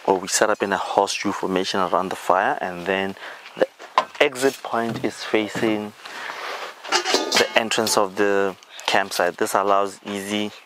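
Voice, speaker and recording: This vlog host has a lowish, steady voice and a measured pace as he strolls around an outdoor campsite in dry bush, describing it casually with easy fillers. His handheld camera picks up clear outdoor noise.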